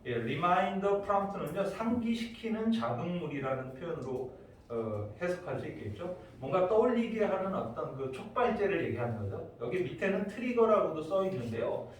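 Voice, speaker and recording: Male English tutor, lively pitch and slightly high, distant mic in an echoey room. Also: moderate pace, slight background noise. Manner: explains step by step, checks in with the class often. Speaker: English teacher. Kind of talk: exam-prep grammar lecture.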